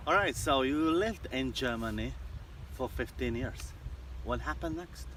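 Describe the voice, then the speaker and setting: Bright-voiced man asking questions outdoors. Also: medium pitch, measured pace. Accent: non-native English. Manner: eager questions with hesitant fillers. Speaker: host and interviewer. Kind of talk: casual interview. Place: outdoors in a sunny park by a pond. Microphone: camera mic at a distance. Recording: distant outdoor mic, faint background noise.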